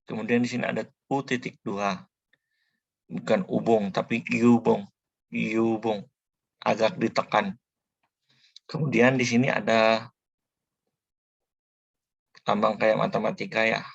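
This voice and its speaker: A man teaches in a slow, unhurried tutorial voice, low and gravelly with a husky edge. He delivers it flatly and keeps repeating each sound with patience. The recording is dry and a little dull. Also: dry recording. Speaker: language teacher.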